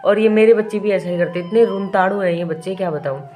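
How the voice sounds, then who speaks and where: Chatty Indian mom vlogging at home. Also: female voice, medium pitch, quick pace, mellow, soft background music. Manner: chatty, fondly scolding her crying child. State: has a bad headache. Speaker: vlogger, mother. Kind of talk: casual home vlog chat. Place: home, indoors.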